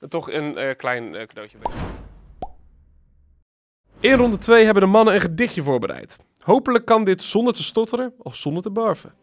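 Dutch man hosting, high lively voice. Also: normal speed, long pauses. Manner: chatty, encouraging. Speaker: host. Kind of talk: casual hosting.

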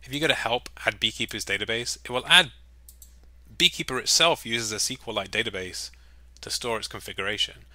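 A man giving a casual, upbeat screen-recorded software tutorial, with chatty, jokey asides. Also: mid-range voice, fairly quick, dry recording. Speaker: software walkthrough presenter.

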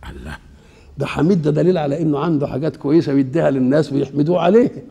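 Gravelly older Egyptian man teaching. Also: on the high side, very fast. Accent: Egyptian Arabic. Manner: asks questions and answers them himself, colloquial and lively. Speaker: Islamic scholar. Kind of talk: Quran exegesis lesson. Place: seated indoors.

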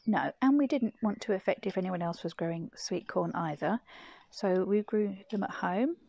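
A middle-aged woman casually narrating a gardening vlog, explaining things in a chatty, low-key way while filming on a phone. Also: normal speed, creaky, dark tone. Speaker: gardening vlogger and parent. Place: garden outdoors and at home.

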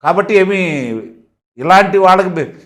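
A political analyst, male, speaks forcefully in a heated interview, firing off one rhetorical question after another. His voice is high and his pace moderate.

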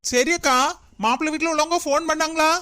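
A woman's voice: high-pitched, steady tone, quick pace, pushed and bright, dry recording. A woman voicing a friendly, chatty neighbour visiting for a family occasion in a cartoon, with a Kanyakumari Tamil accent.

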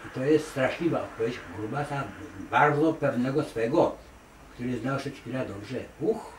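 A man's voice: medium pitch, moderate pace, far from the mic. A man talking emphatically and rambling a bit, stumbling over fillers and repeating himself for emphasis. He sits some way from the microphone in an echoey room. A faint hiss of noise runs underneath. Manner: emphatic, digressive, with many hesitations and repeated "nie". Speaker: artist interviewed as award laureate. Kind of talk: conversational interview answers.

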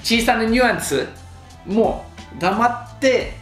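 A man's voice: very high-pitched, animated, slow, a bit bright. A man giving casual pronunciation tips to camera in a chatty, joking, mildly exasperated way. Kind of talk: casual vlog talk to camera. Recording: roomy echo with faint music.

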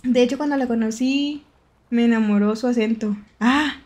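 A woman's voice: on the high side, normal speed, darkish tone. Giggly Mexican woman streaming a horror game. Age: young adult. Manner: playful, giggly, jumpy, chatty with viewers. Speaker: VTuber streamer.

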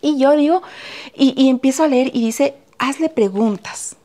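A middle-aged woman on a podcast, telling a family story in a casual, animated way and acting out the dialogue. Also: high voice, moderate pace. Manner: animated, acts out quoted dialogue. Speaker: podcast co-host.

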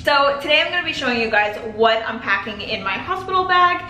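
Bright, breathy-pregnant young woman vlogger. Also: high voice, animated, fairly quick. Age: young adult. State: heavily pregnant, short of breath. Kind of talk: casual chatty vlog to camera. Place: bright room at home, indoors. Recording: roomy echo, clear background noise.

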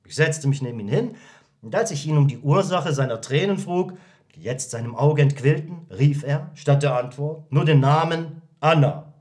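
A man narrating a satirical story in an audiobook, telling it in a lively, expressive way. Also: a little high, normal speed. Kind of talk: scripted narration.

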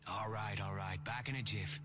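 A man's voice: lowish voice, fairly even intonation, normal speed, natural voice. An actor voicing a cocky, wisecracking male hero in a video game. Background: game music.

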